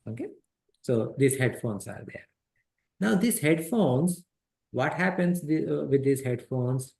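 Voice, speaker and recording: Unhurried and lively in intonation, this middle-aged man has a medium-pitched, darkish voice with vocal fry. He leads an interactive scripture lesson through a headset mic, walking through it step by step, repeating key points and quizzing the class.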